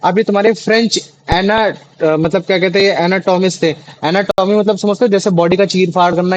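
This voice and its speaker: A man's voice: high-pitched, a little mellow, slight background noise, poor audio. A young man tutoring students in a class, explaining patiently with many fillers and restarts. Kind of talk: online class teaching in Hindi.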